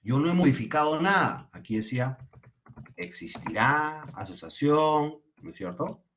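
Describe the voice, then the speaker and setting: A man's voice: on the high side, lively intonation, a little fast, fairly bright tone, a little hiss or hum. A man teaching an online class, explaining step by step and often checking in with tag questions. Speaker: lecturer. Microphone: video call. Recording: dull lo-fi video call audio.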